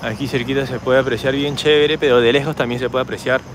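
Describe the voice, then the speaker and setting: Hoarse Peruvian man vlogging outdoors. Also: medium pitch, steady tone, fast talker, slight background noise. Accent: Peruvian Spanish. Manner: chatty, rambling, talks straight to camera while walking. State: hoarse from shouting. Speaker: travel vlogger. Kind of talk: casual walking vlog. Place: city park and streets at night, outdoors. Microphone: handheld camera.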